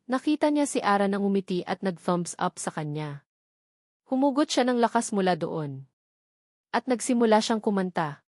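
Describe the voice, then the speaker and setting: Reading a scripted dramatic tale as narrator, this Filipino-accented woman has a medium-pitched, darkish voice. The recording is dry and studio quality.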